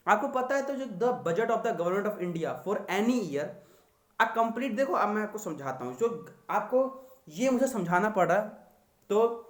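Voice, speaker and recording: A man's voice: high-pitched, expressive, unhurried, roomy sound. A young man teaching economics to exam students in a chatty, teasing lecture style. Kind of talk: casual Hindi lecture.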